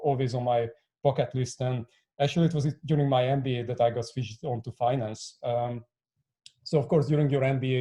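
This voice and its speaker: A man in his forties from Hungary speaks as a podcast guest with a mellow, warm tone. He stumbles into his sentences with repeated words and fillers, at an easy middle pitch. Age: 40s. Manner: many restarts and fillers, stammering repeats. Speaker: guest, fintech co-founder. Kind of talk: podcast interview.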